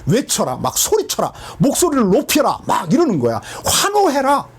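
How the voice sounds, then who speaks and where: Lively pastor teaching with questions. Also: male voice, high voice, fairly quick, creaky, husky. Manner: animated, asks the listeners questions and answers them. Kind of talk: Bible teaching.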